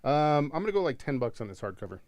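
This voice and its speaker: A tired man hosting a live comic-book sale, cracking jokes and laughing between his picks. His pitch sits right in the middle, and his delivery is loose and casual, like easy talk with a friend. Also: big pitch swings, fast talker, darkish tone, no room sound, highs cut off. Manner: goofy, joking, laughs often. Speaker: co-host selling comics. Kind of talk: casual live-stream sales chat.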